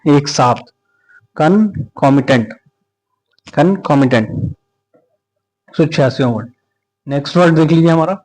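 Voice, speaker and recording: This is a man running a vocabulary lesson for exam students. He speaks at an unhurried, deliberate pace, mixing Hindi explanations with terms. He repeats each word several times and spells it out letter by letter. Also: on the high side, darkish tone, low-quality recording. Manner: repeats words slowly for dictation, spells letters out. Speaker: vocabulary teacher.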